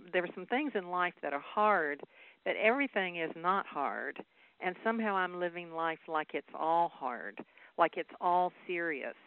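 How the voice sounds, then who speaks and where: A woman's voice: fairly low pitch, clear, resonant tone, no echo. A woman with a Southern US accent, a guest speaker talking earnestly and laughing easily in a phone interview. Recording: tinny phone line.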